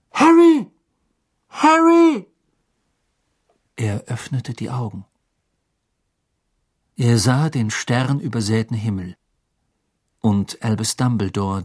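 A male audiobook narrator tells a fantasy story in a calm, measured voice. His tone is slightly husky. The recording is dry and close. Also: mid-range voice, dry recording.

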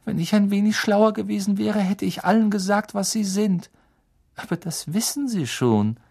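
A man voicing a clever teenage witch girl in a storybook reading, talking urgently and insistently, far higher than his own voice. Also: normal speed, creaky, a little mellow, slightly rough, exaggerated voice. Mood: earnest.

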